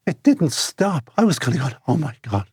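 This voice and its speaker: Male host, husky mid-pitched voice, dry sound, teasing, punchy conversational delivery. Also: sing-song, normal speed, a little mellow, no echo. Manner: teasing, dramatic, interjecting in short punchy sentences. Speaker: interviewer, host. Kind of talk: conversational broadcast interview.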